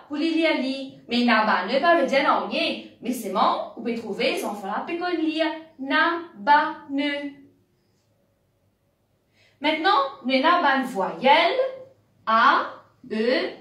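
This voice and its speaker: Teacher, woman, high voice, patient syllable-by-syllable delivery, roomy sound from a distant mic. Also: fairly bright tone. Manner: slow, spells out letters and syllables. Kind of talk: reading lesson for parents.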